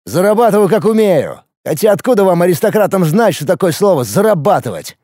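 A man voicing a hot-tempered, resentful young man in an audiobook, snapping and shouting bitterly. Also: sits high, big pitch swings, fairly quick, dry recording, studio quality, pitched above the performer's own voice. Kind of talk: audiobook character voice.

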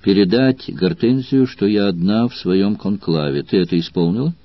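A man's voice: lowish voice, expressive, moderate pace, no room sound, muffled recording, close to an everyday voice. A man reading as a tender noble Roman lady. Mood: commanding. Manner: soft, tender and anxious, often whispered. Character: passionate noble Roman woman in love.

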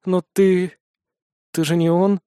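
A man's voice: high-pitched, slow, clean tone, dry recording, studio quality. A man voicing a weary, wry young woman student. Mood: wry, subdued. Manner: flat, quietly sardonic.

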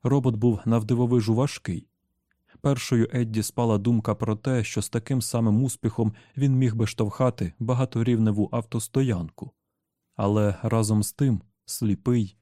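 Mellow-voiced male audiobook narrator, dry booth. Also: fairly low pitch, dry recording. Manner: steady, measured storytelling. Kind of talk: scripted narration.

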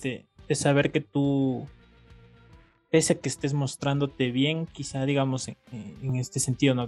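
A man co-hosting a podcast, speaking calmly and agreeably over a video call as he thinks aloud. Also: mid-range voice. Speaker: podcast co-host. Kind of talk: casual chat.

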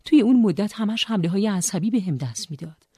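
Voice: mid-range voice, sing-song, no room sound, studio quality. A narrator voicing a weary, defensive young woman, a former singer, in an audiobook. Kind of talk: audiobook character voice.

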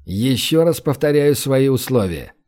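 A man voicing a calm, coldly ruthless male shaman who speaks with dry, unhurried menace. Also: medium pitch.

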